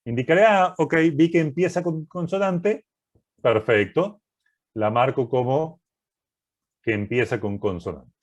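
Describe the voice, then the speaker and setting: Male programming teacher, unhurried delivery, methodical, keeps checking in with the class. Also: medium pitch, expressive. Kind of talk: recorded class walking through code.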